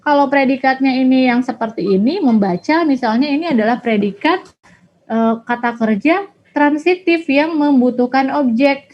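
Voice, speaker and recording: A woman teacher explaining grammar in a lesson, with a patient, explanatory manner. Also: on the high side. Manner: explanatory, frequent "nah" and "ya". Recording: dull lo-fi audio.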